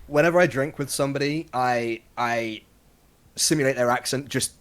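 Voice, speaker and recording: A young British man, a guest on a podcast stream, telling relaxed stories with plenty of fillers. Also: mid-range voice, moderate pace. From United Kingdom. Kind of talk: casual chat.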